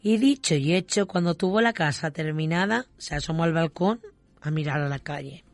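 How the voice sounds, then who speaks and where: A storyteller reading a children's folk tale aloud in a gentle, rhythmic way. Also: mid-range voice, moderate pace, no room sound.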